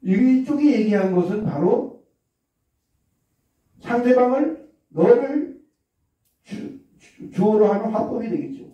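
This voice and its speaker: A man's voice: very high voice, lively intonation, slow, long pauses, warm tone. A man giving an explanatory lecture on communication, checking in with his listeners as he goes. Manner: explanatory, checks in with listeners, acts out example lines. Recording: very echoey, distant, dull lo-fi.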